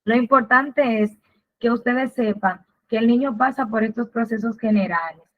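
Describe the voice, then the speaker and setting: A woman's voice: on the high side, normal speed. A woman presenting a literacy workshop in a webinar lecture, patiently explaining and asking and answering her own questions. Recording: tinny phone-like webinar audio.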